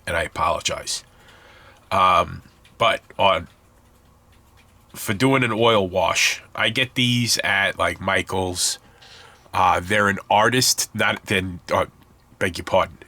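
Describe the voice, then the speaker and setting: A low-voiced man with fairly even intonation speaks slowly, leaving long pauses, his tone bright and forceful in a dry recording. He sounds congested and stuffed up as he casually rambles through his scale model build, correcting himself in this hobby tutorial.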